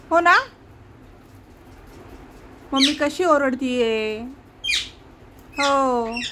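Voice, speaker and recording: A woman's voice: sits high, fairly bright tone, a little hiss or hum. A woman at home, scolding her pet parrot with repeated commands, filmed on a phone. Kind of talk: casual talk to a pet.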